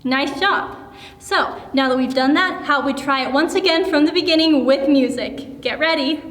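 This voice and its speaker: A young woman with a high, bright voice leads a children's dance class, explaining steps in an encouraging, upbeat way. Her voice rings with a long reverb, as if she is in a big, echoey room. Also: moderate pace, noisy background. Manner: upbeat, encouraging, counts and demonstrates moves. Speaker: dance teacher. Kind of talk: kids' dance lesson.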